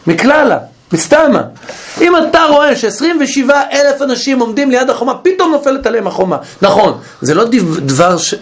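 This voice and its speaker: A man's voice: sits high, a little hiss or hum. A man teaching a Bible study class, explaining with questions and frequent restarts. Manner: questioning, animated, with many restarts.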